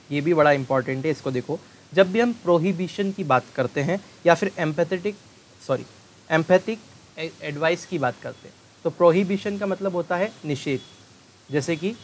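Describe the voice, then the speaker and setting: A man teaching English grammar in an exam-prep video lesson, explaining in Hindi and reading English example sentences slowly and with emphasis. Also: a little high, poor audio. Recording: faint hiss.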